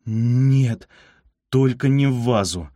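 A man's voice: mid-range voice, slow, mellow, no room sound, studio quality, close to an everyday voice. A man voicing a courtly old-fashioned ghost. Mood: pleading. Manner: gallant, flowery old-fashioned speech.

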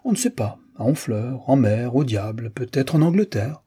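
Haughty young American heiress, read by a man, bossy, raised husky voice. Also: mid-range voice, lively intonation, moderate pace, mellow, pitched above the performer's own voice. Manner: bossy, teasing.

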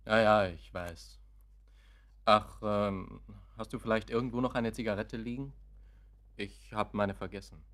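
An actor playing an irritable, evasive young man in a radio drama, talking to his mother in a gruff, curt and impatient way. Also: on the low side, fairly even intonation, measured pace, pauses often, fairly bright tone. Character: irritable, evasive grown son, office worker. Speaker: son.

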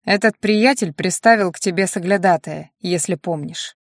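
A gruff, world-weary man who grumbles his lines in a low-key, serious way, as a woman reading an audiobook puts him on. The voice sits a little lower and quieter than the reader's own. It is recorded dry and close. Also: normal speed, no echo. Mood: grumbling.

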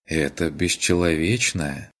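A man's voice: a bass voice, slow pace, a bit bright, full character voice. A man voicing a playful, bold young noblewoman in an audiobook, with a teasing, coquettish manner.

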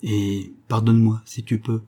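A man voicing a resigned, self-loathing man in an audiobook, in a flat, defeated tone. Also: lowish voice, measured pace. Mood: weary.

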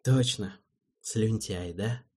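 Man voicing bewildered young king, hesitant, soft, husky, storybook. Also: lowish voice, takes it slowly. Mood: rueful.

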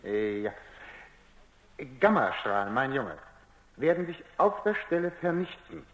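An actor plays a patronising scientist in a German radio drama, a defensive man who gets testy when questioned, lectures condescendingly and stammers once flustered. He speaks unhurriedly in a sing-song, medium-pitched voice with the highs cut off, and the recording echoes with reverb.

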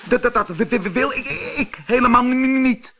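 A man's voice: extremely high pitch, fairly quick, gravelly, bright, forceful tone, faint music behind, voice pushed up, exaggerated voice. A man voicing a shy young male toy jester who stutters heavily in a storybook reading. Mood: anxious. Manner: heavy stutter, repeats sounds.

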